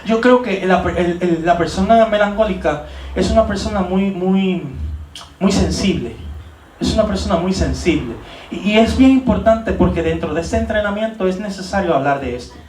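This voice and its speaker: A man preaching at a leadership training in a church hall, animated, with many rhetorical questions and repeated words. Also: high voice, normal speed, far from the mic. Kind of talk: church teaching talk.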